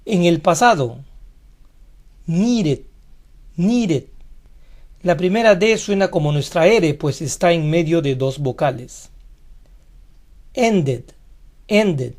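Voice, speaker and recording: A teacher giving a scripted pronunciation lesson, speaking deliberately and saying each model word twice. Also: medium pitch, lively intonation, a little mellow. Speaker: English teacher.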